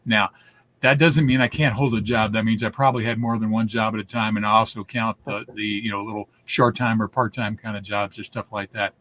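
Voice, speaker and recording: A man's voice: lowish voice, steady tone, fairly quick, fairly bright tone, a little hiss or hum. A man in his seventies, a guest telling stories in a casual interview, rambling with many restarts. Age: 70s.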